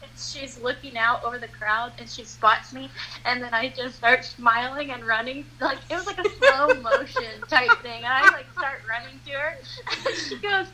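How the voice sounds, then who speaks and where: A woman appearing as a podcast guest, telling a story with lively energy and laughing often as she goes. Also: sits high, moderate pace, noisy background. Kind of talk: animated storytelling.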